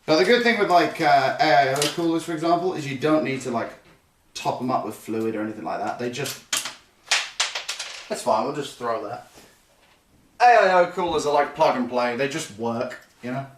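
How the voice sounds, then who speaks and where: Putting together a PC on a casual live stream, a young man rambles to his viewers and keeps correcting himself. He talks at a moderate pace in a medium pitch, and the audio is roomy, a little distant and faintly noisy.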